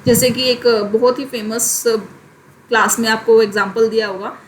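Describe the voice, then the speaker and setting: A young woman teaching a class, with a fairly high voice. She explains in Hindi, reads English lines slowly, and checks in with her students often. A faint background hiss sits under the recording. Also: steady tone, rough recording. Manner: frequent "ठीक है" check-ins. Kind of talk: online class lecture.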